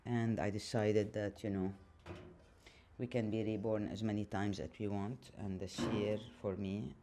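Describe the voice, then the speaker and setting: A man speaking an unscripted personal monologue while washing dishes, reflective and hesitant, with frequent pauses. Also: fairly low pitch, little pitch movement, background noise. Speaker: channel host.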